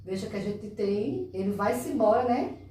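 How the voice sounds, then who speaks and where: A Brazilian primary school teacher gives a recorded lesson to children in a mellow, expressive, mid-range voice, stretching words out with emphatic enunciation and checking in often with "tá?". The room is echoey, the mic sits far off, and there's a slight hiss or hum.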